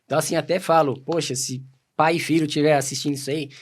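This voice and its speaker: A Brazilian man talking at a rapid clip with a fairly high voice. He tells his stories casually and animatedly, jumping into quoted dialogue as he goes. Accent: Brazilian Portuguese. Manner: animated, quick anecdotes full of quoted dialogue. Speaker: podcast guest. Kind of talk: casual storytelling.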